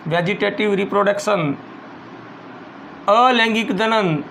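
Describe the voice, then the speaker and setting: A man with a high voice teaches a school biology class at an unhurried pace, repeating each phrase so students can copy it. A soft hum of air conditioning and distant traffic sits behind him. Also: creaky. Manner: slow, repeats phrases for dictation. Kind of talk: school biology lesson, dictating notes.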